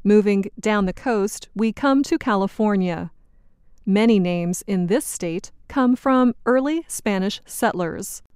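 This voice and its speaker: A woman hosting a scripted educational program, enunciating each word carefully and slowly for learners. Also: mid-range voice, a little mellow, no room sound. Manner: clear, carefully enunciated learner-friendly delivery. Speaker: program host. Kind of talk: slow scripted educational narration. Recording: dry studio voice-over with faint music.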